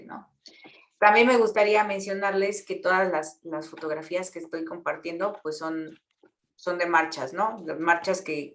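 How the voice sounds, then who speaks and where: A woman with a Mexican accent, an activist earnestly explaining things to students, often pausing with fillers and repeated words. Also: lowish voice, echoey room. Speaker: guest speaker, feminist activist.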